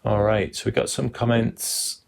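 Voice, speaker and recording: A man's voice: on the low side, steady tone, measured pace, vocal fry. A man hosting a live animation workshop, chatty and explaining step by step while reading out viewer comments. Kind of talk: live-stream teaching demo.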